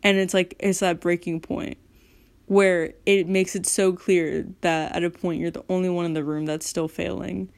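A woman's voice: on the low side, flat delivery, moderate pace, creaky. A teenage girl venting in a casual monologue, rambling with lots of "like" and swearing freely. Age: teens. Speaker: high school student.

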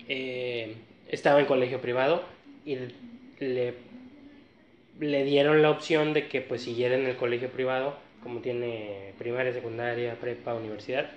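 A man's voice: mid-range voice, normal speed, long pauses, slight background noise. Northern Mexican man telling a story. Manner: relaxed, slangy storytelling with many fillers. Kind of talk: casual storytelling chat. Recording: echoey room, slightly dull sound.

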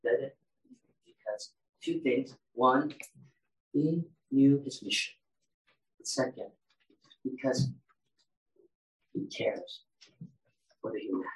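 With a slightly bright, medium-pitched voice, a man preaches in a conversational manner and asks his congregation questions along the way. He is a pastor, and the distant mic picks up a roomy echo.

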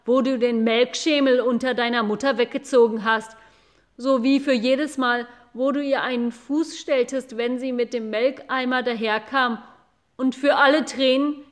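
A woman voicing an old, wise, furious female cow who bellows her threats loudly in a storybook reading. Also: fairly high pitch, expressive, takes it slowly.

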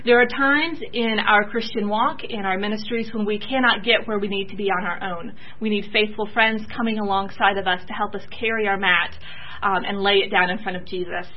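A soft-spoken young woman from Georgia, giving a church talk about her mission teaching and pausing often with fillers. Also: mid-range voice, fairly even intonation, muffled recording.

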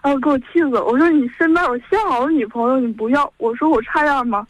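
A high-voiced young woman in her twenties phones in to chat, telling her story at a quick pace in a Northeastern Mandarin accent. She wanders from one event to the next with "and then," and the recording is dry and comes over a dull, lo-fi phone line.

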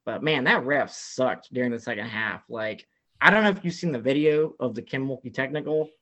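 A man's voice: medium pitch, a little fast. A man guest on a casual talk show, telling a long story full of "like" fillers. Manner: rambling, many "like" fillers, animated retelling. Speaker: podcast guest.

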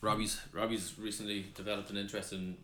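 Laid-back male co-host who asks questions; deeper voice in a roomy recording. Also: flat delivery, fast. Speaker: podcast co-host. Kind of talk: casual chat. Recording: roomy echo, faint hiss.

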